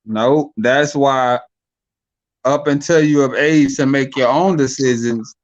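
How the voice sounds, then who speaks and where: A man's voice: medium pitch, fairly even intonation, slow. Young man debating loosely, dull lo-fi mic. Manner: loose, rambling, repeats words when thinking. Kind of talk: casual debate over mics.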